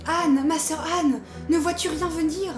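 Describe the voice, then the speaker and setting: A woman's voice: high voice, fairly even intonation, unhurried, voice pushed up. Woman putting on a terrified young wife. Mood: pleading. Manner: pleading, frightened. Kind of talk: storybook reading. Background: music.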